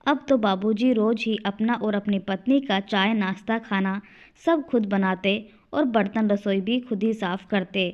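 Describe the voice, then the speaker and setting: A woman storyteller reads an emotional family story at a middling pitch. The recording sounds dull and lo-fi. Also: unhurried. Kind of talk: scripted story narration.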